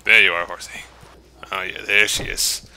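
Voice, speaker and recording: Very bright, forceful male gamer. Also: low voice, level tone, normal speed, vocal fry, a little hiss or hum. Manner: jokey, teasing, exclaiming. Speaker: gaming host. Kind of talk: casual let's play commentary. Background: video game sounds.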